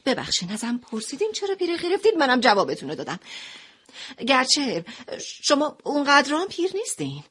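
Using a high voice, a woman performs a first-person dramatic audio tale expressively, alternating quiet storytelling with fervent, impassioned moments.

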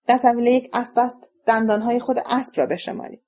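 A woman's voice: on the high side, a little mellow, lightly acted. A woman voicing an impatient male philosopher who argues with a crowd in a storybook reading. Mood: exasperated. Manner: impatient, short-tempered. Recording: dull lo-fi recording.

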